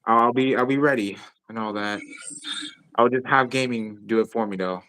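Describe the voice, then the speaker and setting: A man's voice: mid-range voice, moderate pace, pushed and bright, slight background noise. A man live streaming in casual chat, rambling and swearing freely with lots of filler phrases.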